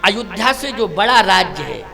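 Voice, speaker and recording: A man voicing a calm dutiful prince. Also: sits high, moderate pace, vocal fry, in a large hall, over music, exaggerated voice.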